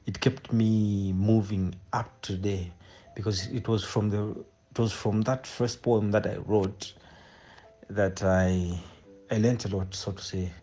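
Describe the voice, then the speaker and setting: This guest poet, a man in his twenties with a Zambian accent, responds to interview questions haltingly, repeating phrases as he gathers his thoughts. He speaks slowly with a dark, lowish voice and fairly even intonation, over soft background music.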